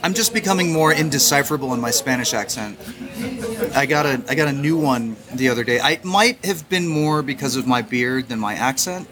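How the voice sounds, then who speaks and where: A man co-hosting a podcast in casual chat, relaxed and self-deprecating. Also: mid-range voice, fairly quick, crowd noise. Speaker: podcast co-host. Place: Japanese supermarket. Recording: loud noisy shop recording.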